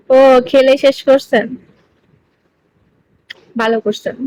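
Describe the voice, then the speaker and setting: A woman's voice: sits high, fairly even intonation, very slow, warm tone, a little hiss or hum, rough recording. A woman chatting casually with viewers on a live stream, playful and teasing, coaxing them and giggling often between lines. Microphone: phone.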